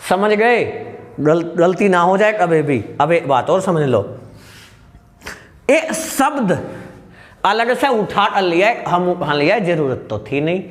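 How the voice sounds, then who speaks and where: A man teaches a class in a high, very animated voice that rises and falls widely. He keeps firing questions at his students and answering them himself, with jokes along the way. Now and then he shouts to make sure a point sticks. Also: slow, long pauses. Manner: shouts at times to stress a point. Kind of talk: lively classroom lecture.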